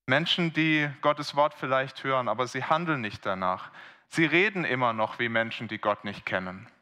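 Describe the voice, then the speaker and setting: A man's voice: medium pitch, moderate pace, bright, forceful tone. A man preaching a sermon, explaining a Bible passage earnestly and asking the congregation rhetorical questions.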